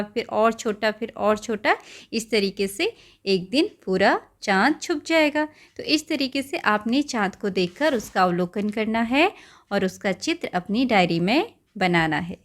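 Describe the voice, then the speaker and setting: A woman with a fairly high voice talks young pupils through a textbook lesson. She goes step by step, stops to explain simple meanings and keeps checking in with a gentle "okay". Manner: patient, repeats and explains words simply; often checks in with "okay" and "right". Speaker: teacher.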